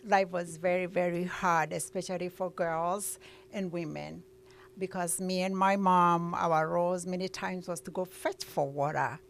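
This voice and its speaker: Gravelly Kenyan woman being interviewed. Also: lowish voice, fairly even intonation, unhurried, slight background noise. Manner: earnest storytelling, with frequent uhs. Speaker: guest.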